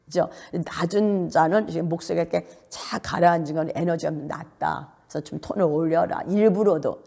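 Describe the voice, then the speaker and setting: Gravelly, dark-voiced woman pastor preaching. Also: moderate pace. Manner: rhetorical questions to the congregation, sudden jumps to high pitch. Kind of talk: sermon.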